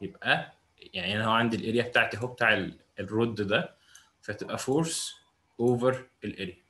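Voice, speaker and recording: A man's voice: fairly low pitch, fairly bright tone. A young man with an Egyptian Arabic accent giving a physics lesson, often asking a question and answering it himself. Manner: asks rhetorical questions and answers them himself. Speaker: physics teacher. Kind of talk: classroom lecture.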